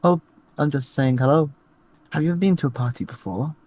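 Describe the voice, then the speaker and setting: A man's voice: on the high side, fairly quick, darkish tone, a little hiss or hum. A man playing a tabletop game, casually describing and speaking for his character. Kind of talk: casual in-game role-play.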